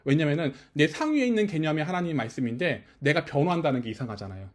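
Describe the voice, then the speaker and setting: A man's voice: on the high side, very animated, fast talker. A man preaching as pastor at a small house-church service, talking it through with the listeners and often checking that they follow. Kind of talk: conversational sermon.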